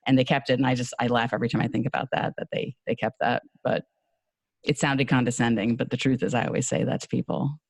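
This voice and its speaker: A woman with a New York accent, talking casually as a podcast guest, animated and quick to laugh with fast asides. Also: rumbling low, gravelly, husky, dry recording. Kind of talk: casual conversation.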